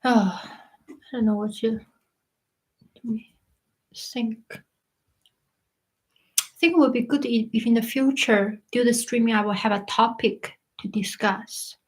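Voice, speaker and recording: Woman in her thirties, livestream chat, slightly high voice, unhurried, halting. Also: steady tone, poor audio. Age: 30s. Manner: chatty, answering viewers' questions; halting, searching for words. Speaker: livestream host. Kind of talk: casual live-stream chat.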